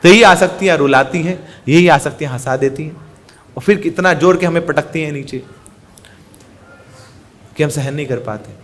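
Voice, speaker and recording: A male preacher giving an animated sermon, telling a parable and explaining its lesson. His voice sits high for a man. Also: moderate pace, pauses often. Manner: animated storyteller, explains morals. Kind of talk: sermon with storytelling.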